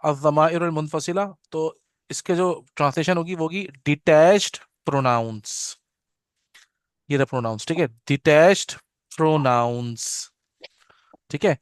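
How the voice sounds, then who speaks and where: Patient man teaching a slow repeat-after-me class. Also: a little high, no room sound, clean studio sound. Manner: patient, repeats terms slowly with frequent "theek hai na" check-ins; leads students in call-and-response repetition. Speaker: Arabic teacher. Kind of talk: live grammar lesson.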